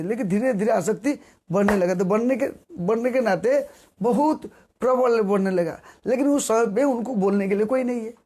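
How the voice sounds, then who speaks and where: A man giving a devotional sermon, repeating phrases and asking rhetorical questions, sometimes singing verses slowly. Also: high voice, mellow. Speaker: preacher.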